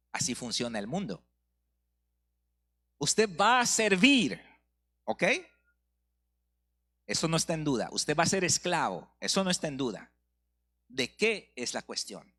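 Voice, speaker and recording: A middle-aged man with a Mexican Spanish accent preaching a sermon, asking rhetorical questions and slowing down for emphasis. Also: fairly high pitch, fairly bright tone. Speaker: pastor.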